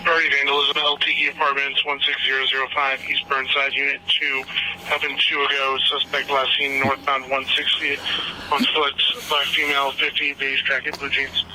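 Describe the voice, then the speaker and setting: A male police dispatcher speaks over a radio channel. His delivery is clipped and procedural, with very little pitch movement. Clear static noise runs through the transmission. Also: monotone, normal speed.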